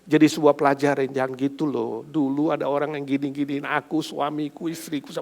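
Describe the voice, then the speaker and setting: A male pastor preaching a sermon, swinging from loud emphatic build-ups to soft, low asides and mixing in casual speech. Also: little pitch movement, fairly quick, vocal fry. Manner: mixes casual speech and English phrases into preaching. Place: church sanctuary.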